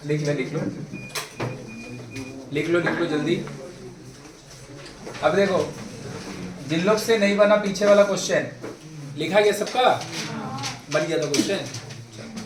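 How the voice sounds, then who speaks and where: A man's voice: on the high side, a little slow, pauses often, distant mic, noisy background. A young man teaching math to a class, coaxing and drilling his students with lots of repetition. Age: young adult. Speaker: tutor. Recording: echoey classroom.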